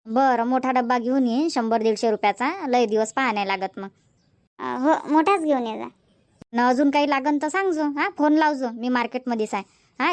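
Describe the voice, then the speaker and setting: A woman with a high voice, close to an everyday one and recorded without echo, voices a chatty village mother for cartoon comedy dubbing. She speaks colloquial Varhadi Marathi in a homely tone, like everyday family chat.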